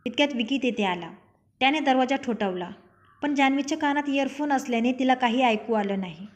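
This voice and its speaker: A woman's voice: sits high, brisk. Woman narrating a love story.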